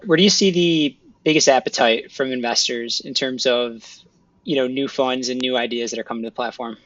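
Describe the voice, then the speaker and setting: A man's voice: medium pitch, brisk, fairly bright tone, highs cut off. A man co-hosting a podcast interview, asking questions politely with small restarts. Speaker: podcast co-host.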